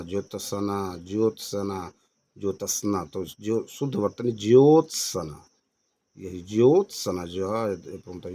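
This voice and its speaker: A man teaching as an exam coach, who reads out each question's options, names the answer, and repeats words slowly to drill their correct spelling. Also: fairly low pitch, warm tone. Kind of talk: exam question review lesson.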